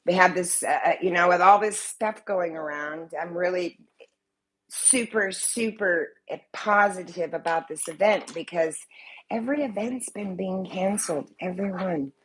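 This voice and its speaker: Speaking at normal speed in a fairly low pitch, this woman is captured in a low-quality recording with a little hiss or hum. The vlogger and soap maker has a slight cold and chats casually to camera in her home, with the living room in view, rambling and swearing freely.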